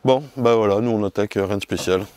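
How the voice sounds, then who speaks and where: A man checking his beehives outdoors, chatting loudly and self-mockingly to a camera mic some distance away, in a joking put-on southern French twang. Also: fairly low pitch, fast, noisy background. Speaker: beekeeper. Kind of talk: casual vlog while working. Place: outdoor apiary among hives. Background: faint buzzing of bees.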